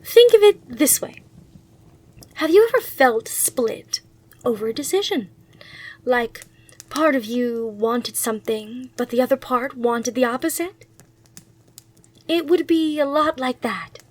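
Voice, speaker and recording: For an ASMR roleplay, a woman with a high voice plays a sly demon hotel clerk, serving a guest at the front desk. She is courteous and soothingly salesy with reassuring customer-service patter, and a faint hiss sits in the background.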